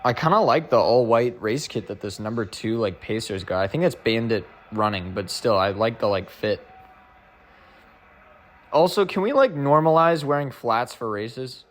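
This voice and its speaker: A man's voice: medium pitch, normal speed, slight background noise. A young man chatting casually as a running vlogger, rambling with lots of filler words and slang. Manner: rambling, full of "like" and "bro".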